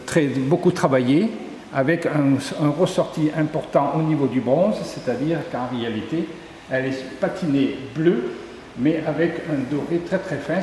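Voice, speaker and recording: Walking through his exhibit, a sculptor from southern Ardèche, France uses a somewhat high, warm voice to explain his artworks in an interview. He lists details with hesitations in the tourist office exhibition hall, where it's echoey with faint background noise.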